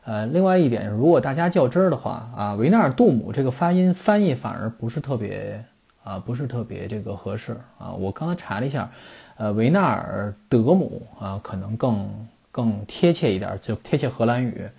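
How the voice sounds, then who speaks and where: Gravelly, husky man musing on football. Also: medium pitch, lively intonation, brisk, mellow. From China. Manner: rambling, full of "uh" fillers and restarts. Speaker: football podcast host. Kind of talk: casual explanatory monologue.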